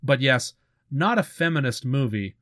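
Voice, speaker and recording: A man's voice: mid-range voice, animated, moderate pace, a bit bright, no echo. Guy snarking through a movie plot recap, dry sound, no room. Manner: wry, sarcastic asides. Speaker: movie reviewer. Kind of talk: casual movie recap commentary.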